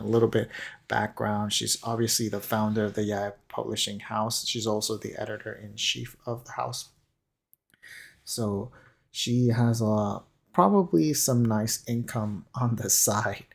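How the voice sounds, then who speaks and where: With a fairly low, creaky voice, a gaming commentator muses tentatively through unscripted explanations of a video game. Faint music sits behind him.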